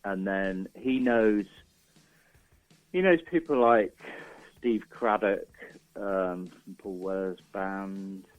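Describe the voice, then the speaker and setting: A musician guesting on a radio show chats casually in a deep voice at a slow pace, hesitant and rambling. Soft music plays behind him, and the recording sounds slightly dull and lo-fi.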